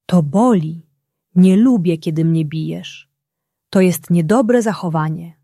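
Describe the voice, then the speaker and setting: A patient, loving mother from a storybook, as a woman reader voices her, speaking calmly and softly. Her voice sits low and mellow, and she talks slowly on a dry recording. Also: dry recording. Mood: gentle. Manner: calm, soft-spoken.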